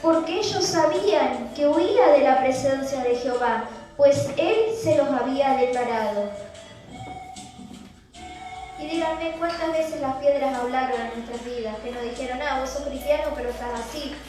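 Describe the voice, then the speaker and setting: Speaking at normal speed in a high voice, a Rioplatense-accented Argentine woman gives a sermon to young listeners in a church hall. She reads passages of scripture, then explains them, earnestly asking rhetorical questions. The hall is echoey, she is heard from far off, and music plays in the background.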